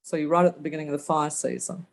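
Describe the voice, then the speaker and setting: Speaking very fast in a low, creaky, slightly mellow voice, a resident with a faint New Zealand accent confronts officials over a video call at a community meeting, pushing with pointed follow-up questions.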